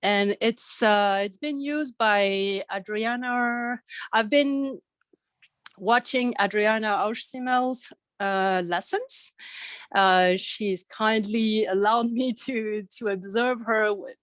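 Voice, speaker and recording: A woman's voice: medium pitch, a bit bright, no echo. A woman teacher speaks unhurriedly over a video call, stopping and restarting her sentences with plenty of "uh" and "like". The sound is close and dry, with no room around it. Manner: halting, many fillers and restarts, sings snatches of a children's song. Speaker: music teacher. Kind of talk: casual presentation in a video call.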